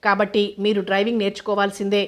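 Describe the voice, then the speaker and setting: Woman doing young bride, coy and spirited, even tone. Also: mid-range voice, rapid-fire, lightly acted. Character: young woman, a lively, shy newlywed wife.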